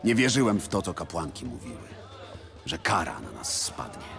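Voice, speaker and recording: A weary, sullen fantasy-game bodyguard who has given up. The voice is bottomed out and creaky, curt and morose, with music underneath. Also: male voice, extremely low pitch, very animated, moderate pace, heavily acted. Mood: bitter, weary. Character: sullen, defeated former bodyguard drinking alone. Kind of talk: fantasy video game voice acting.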